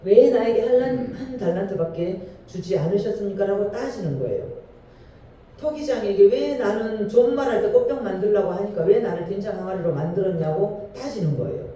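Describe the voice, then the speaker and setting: A man's voice: high voice, expressive, a little fast, dark tone. A male pastor preaching a Sunday sermon in a church, asking the congregation questions and stressing his points with emphasis. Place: church sanctuary. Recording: echoey hall from far off.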